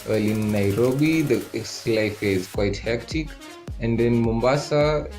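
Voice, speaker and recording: A young man from Kenya explaining things in a casual chat, measured and a little hesitant. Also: mid-range voice, a little mellow, soft background music. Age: young adult. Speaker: guest.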